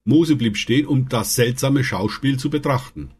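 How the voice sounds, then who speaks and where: A man narrating Bible stories in a calm, earnest way, lifting his voice for the quoted lines. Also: mid-range voice, normal speed, breathy edge. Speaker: Bible storyteller. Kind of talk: scripted Bible story narration.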